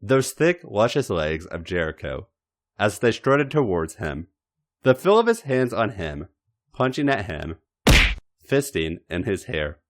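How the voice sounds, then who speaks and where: A podcast host with a lowish voice reads fan fiction aloud, narrating dramatically and expressively. He leans on theatrical emphasis and takes deliberate pauses.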